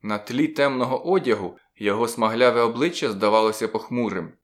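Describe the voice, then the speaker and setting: A man narrating a first-person detective story in a measured, even audiobook reading. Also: mid-range voice.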